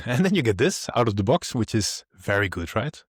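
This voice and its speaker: A man with a low voice co-hosts a relaxed tech podcast. He explains in a loose, rambling way with many fillers. The sound is dry and close to the mic. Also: moderate pace, slightly rough, no echo. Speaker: podcast co-host. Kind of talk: casual tech podcast chat.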